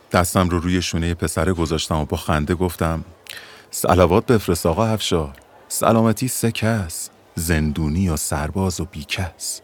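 A man's voice: sits low, a little mellow. A young man narrating a first-person audio story in a colloquial, conversational way. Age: young adult.

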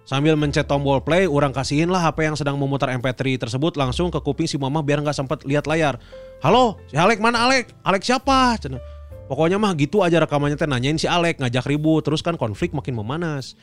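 Sundanese-accented man with a high voice. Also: quick pace, soft background music. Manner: swears often, slips into local dialect, laughs through lines. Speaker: podcast host reading listener stories. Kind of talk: casual storytelling chat.

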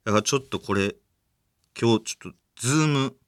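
A man's voice: mid-range voice, a little fast. A man hosting a podcast in a Kansai accent, chatting casually and joking, often laughing. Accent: Kansai Japanese. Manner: jokey, playful banter with lots of laughter. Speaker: podcast host. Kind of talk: casual comedic podcast chat.

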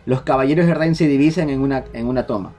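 A man, hosting a casual podcast chat, relaying leaked details in a quick, restarting way. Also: medium pitch, mellow, soft background music. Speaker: podcast host. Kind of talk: casual group chat about film rumors.

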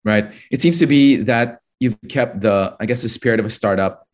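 Low-voiced man interviewing a guest. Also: moderate pace. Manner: fluent but hedging, many fillers. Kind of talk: interview questions.

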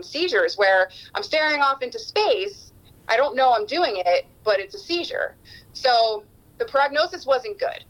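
A woman's voice: mid-range voice, a bit bright, poor audio. A woman in her thirties telling a personal story in an earnest way, with frequent ums.

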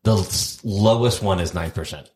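A man's voice: low-pitched, normal speed. A man co-hosting a casual podcast, introducing the episode's picks. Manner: animated, presents the episode's picks. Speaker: podcast co-host. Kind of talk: casual chat. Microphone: lavalier.

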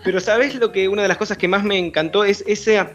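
A man's voice: high voice, fast, a bit bright, muffled recording, soft background music. A man interviewing an author, reflective and searching for his words as he asks questions.

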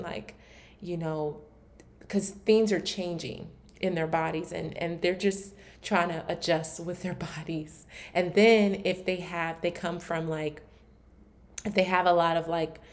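Woman podcast host from Maryland with a slightly low voice, solo and candid, thinking aloud with plenty of fillers. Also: fairly even intonation, measured pace. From Maryland, USA. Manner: candid and reflective, with frequent "like" fillers and restarts. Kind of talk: casual solo podcast talk.

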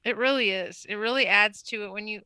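A woman co-hosting a podcast in casual, animated chat, laughing often with her co-host. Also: mid-range voice, a little fast, clean tone, dry recording. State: just back from a hard workout class.

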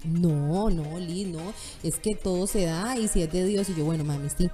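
Woman in her thirties, mellow tone, candid chat guest who acts out quotes. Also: fairly low pitch, moderate pace, soft background music. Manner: animated storytelling, acts out quoted voices.

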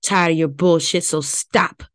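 A woman voicing a furious, foul-mouthed woman in a story reading, with loud, scolding outbursts. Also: sits low, fairly even intonation, measured pace. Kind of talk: audiobook reading.

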